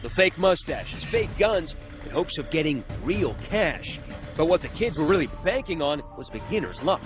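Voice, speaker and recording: Lively man narrating true crime over music. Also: on the high side, moderate pace. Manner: punchy, suspenseful delivery with wry asides. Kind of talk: scripted dramatic narration. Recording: music bed under narration.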